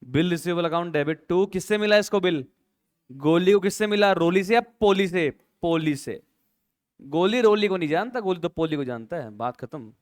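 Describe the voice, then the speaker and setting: A man's voice: high voice, expressive, moderate pace. A male accounting teacher from India who explains through a silly story and keeps checking that students follow. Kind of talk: classroom lecture.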